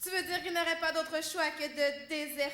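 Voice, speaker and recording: A woman's voice: sits high, steady tone, brisk, heavy background noise, close to an everyday voice. A teenage girl with a Quebec French accent acting a bossy, mocking tribe girl in a live school stage sketch. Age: teen. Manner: mocking, trading loud insults. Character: bossy, sharp-tongued young woman of a tribe. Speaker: student actor in a school show. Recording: roomy school auditorium from far off.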